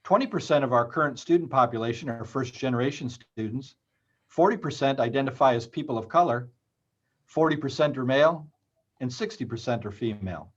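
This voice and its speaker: A man reads a prepared conference presentation at a steady, measured pace. His voice is mid-pitched. The recording sounds a little dull and muffled. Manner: measured, read-aloud delivery. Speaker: university library dean, presenter.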